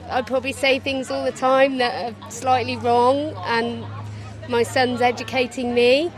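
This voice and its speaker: A middle-aged woman answers reflectively in an interview. Her voice is slightly high, with very little rise and fall. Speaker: parent being interviewed.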